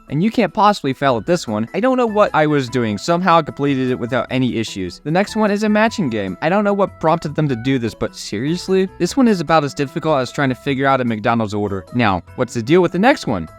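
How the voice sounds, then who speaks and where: A young man narrating a comedic game review, sounding exasperated and sarcastic. His voice sits a little high and moves around a lot. Faint music runs underneath. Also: sing-song, brisk, few pauses.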